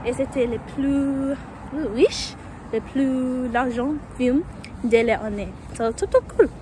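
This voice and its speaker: High-voiced American woman vlogging slowly. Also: background noise. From United States. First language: English. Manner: halting learner's French with frequent self-corrections. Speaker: travel vlogger. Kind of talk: casual travel vlog. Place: outdoors on city streets.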